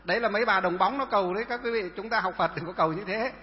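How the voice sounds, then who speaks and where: A man's voice: sits high, rapid-fire, slight background noise. A man, a Buddhist monk, giving a sermon who keeps asking rhetorical questions and answering them himself. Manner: repetitive, asks and answers own questions. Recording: dull lo-fi sound with long reverb.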